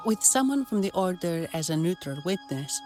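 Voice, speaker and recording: Actor doing a dry wry adventurer, mid-pitched voice, loud game music behind. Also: very animated, moderate pace, natural voice. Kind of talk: video game voice acting.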